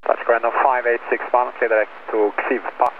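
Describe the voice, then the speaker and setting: A man's voice: mid-range voice, flat delivery, a little fast. Man on a crackly two-way radio: terse controller, tinny band, faint hiss. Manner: terse, procedural. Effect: heard over a two-way radio. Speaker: air traffic controller. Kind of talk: clipped radio phraseology.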